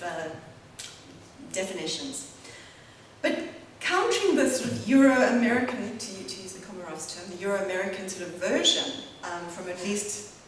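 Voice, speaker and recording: Woman lecturing in a very echoey hall. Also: medium pitch. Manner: reads a prepared text with spoken asides. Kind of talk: academic lecture. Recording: very echoey hall, distant mic, faint hum.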